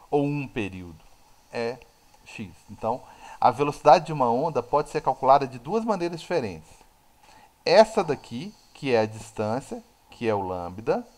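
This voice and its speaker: A man with a Brazilian Portuguese accent teaching physics in a live online class, explaining eagerly and answering his own questions, his volume swinging from soft to loud. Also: medium pitch. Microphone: video call.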